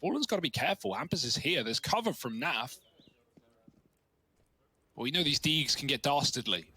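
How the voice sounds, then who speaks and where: A man giving fast play-by-play commentary on an esports match, getting excited on big plays. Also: on the high side, a little hiss or hum. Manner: excitable, rising to loud cheers on big plays. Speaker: esports caster.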